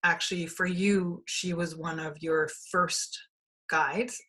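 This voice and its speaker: A woman from Denmark hosting a spiritual podcast interview, talking in a halting way with many restarts and fillers. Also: lowish voice, fairly even intonation, fairly bright tone. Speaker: podcast host. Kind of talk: casual conversational interview.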